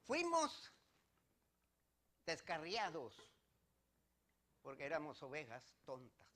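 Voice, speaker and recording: In this sermon, a pastor with a high, expressive voice speaks a little slowly, peppering the congregation with rhetorical questions. He moves back and forth between booming declarations and hushed asides.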